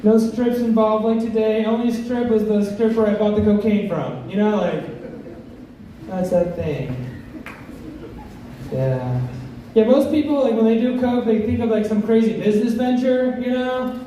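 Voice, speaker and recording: A man in his thirties, working as a stand-up comic, tells crude jokes at his own expense from a comedy club stage. He has a warm, high-pitched voice and a moderate pace; the sound is noisy and echoey, recorded from far away.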